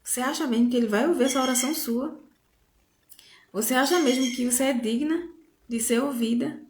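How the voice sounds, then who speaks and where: A woman's voice: high-pitched, a little fast, a little mellow, a little hiss or hum, lightly acted. Woman doing a sly taunting devil. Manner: mocking rhetorical questions. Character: whispering, doubt-sowing male devil, sly and taunting. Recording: roomy echo.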